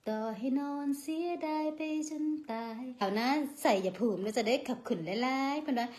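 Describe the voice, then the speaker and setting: A woman with an Isan accent hosts a casual live stream, chatting as she reads out viewer comments and thanks people, referring to herself by name in the third person. Her voice is on the high side, expressive, and a little mellow, at a normal speed.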